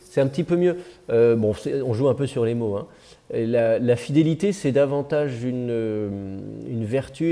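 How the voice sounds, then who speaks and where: Patient male teacher, mellow voice. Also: medium pitch. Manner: patient, thinks aloud with many fillers. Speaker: Biblical Hebrew teacher. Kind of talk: classroom explanation. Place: classroom.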